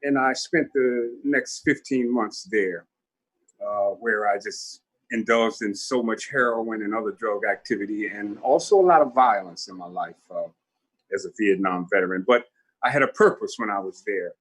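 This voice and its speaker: Guest speaker, older man in his 70s, husky, candid and reflective testimony. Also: fairly low pitch, fairly bright tone, rough recording. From Newark, New Jersey. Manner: reflective, candid storytelling with pauses. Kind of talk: personal testimony at a virtual town hall.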